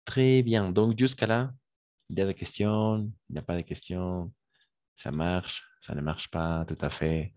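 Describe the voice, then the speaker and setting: Low, unhurried male language teacher, patient and encouraging, dry close mic. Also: fairly even intonation, a little mellow, no echo. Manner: patient, repeats forms slowly and praises students. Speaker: French teacher. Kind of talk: online French grammar lesson.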